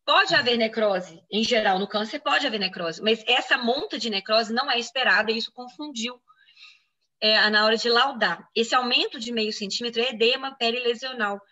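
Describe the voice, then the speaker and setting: A fairly high-pitched woman, a physician, tells a medical story in an interview at a quick clip. Her voice is bright and forceful, and she acts out the people she quotes. The recording sounds slightly dull and lo-fi. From Brazil. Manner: explanatory, quoting others in lively reenactment. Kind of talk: interview answers, personal medical account.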